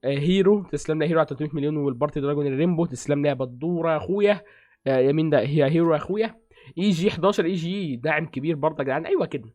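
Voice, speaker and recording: Man, Egyptian accent, gaming streamer, chatty rapid-fire commentary, slightly high voice, extremely quick talk. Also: darkish tone. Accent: Egyptian Arabic. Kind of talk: casual game commentary.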